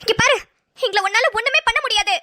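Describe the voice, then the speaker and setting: A woman voicing a frightened but defiant young heroine in a cartoon, with a squeaky, tearful manner. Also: fast, pushed and bright. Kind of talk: cartoon voice acting.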